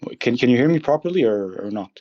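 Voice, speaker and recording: A man in a casual voice call, heard through low sample rate voice-chat audio, sounding puzzled as he checks the connection. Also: expressive, quick pace, darkish tone. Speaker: voice call guest. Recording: lo-fi voice-chat line.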